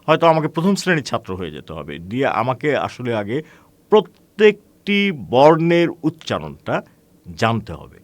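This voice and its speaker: Lively-voiced male teacher lecturing students. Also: mid-range voice, no room sound. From Bangladesh. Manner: addresses students as friends, asks rhetorical questions; measured explaining with frequent hesitations. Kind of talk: online class lecture.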